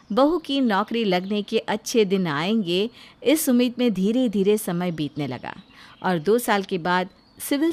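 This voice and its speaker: A woman narrating a moral story in a steady, plain storytelling manner. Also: mid-range voice.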